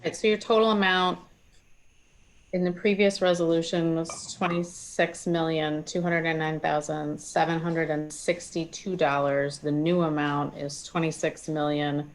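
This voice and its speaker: Low, flat-voiced woman reading out figures. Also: a little slow, a little hiss or hum, poor audio. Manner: matter-of-fact. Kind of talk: reporting budget figures. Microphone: video call.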